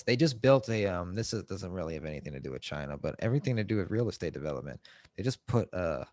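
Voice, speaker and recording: A man co-hosting a podcast in casual joking chat, swearing often and breaking into loud mock outbursts. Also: low-pitched, dry recording, studio quality. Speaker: podcast co-host.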